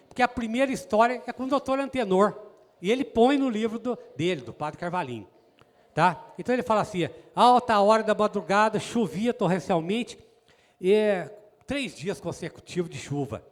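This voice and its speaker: A man's voice: sits high, big-room sound. A man, a guest telling stories in a chatty, folksy way with many asides to his listeners. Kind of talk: storytelling in an interview.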